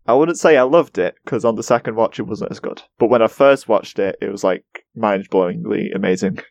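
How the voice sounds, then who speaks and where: A man's voice: on the low side, brisk, creaky, darkish tone, no echo. A man co-hosting a podcast in casual chat, enthusiastic and laughing often. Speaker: podcast co-host.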